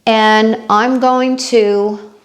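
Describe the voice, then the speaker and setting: Slow-talking New York woman instructor. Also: a little high, steady tone. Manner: unhurried, talks while demonstrating moves; chatty asides, checks in with viewers. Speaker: fitness instructor. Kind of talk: casual exercise demonstration.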